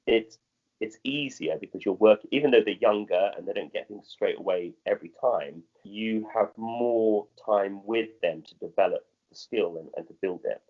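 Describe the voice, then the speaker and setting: A middle-aged man with a modern British accent answers interview questions conversationally as a theatre director, haltingly, often repeating and rephrasing himself. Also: fairly low pitch, narrow, tinny audio.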